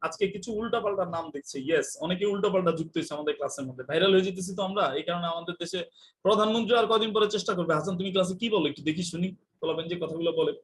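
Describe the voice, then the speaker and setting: A man's voice: high voice, rapid-fire. A young man teaching English in a live online class, joking and scolding and mixing in English phrases.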